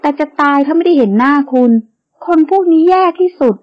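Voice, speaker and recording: A woman's voice: high-pitched, a little fast, highs cut off, pitched above the performer's own voice, natural voice. A woman playing a devoted wounded young sheikh. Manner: intense, loving, earnest.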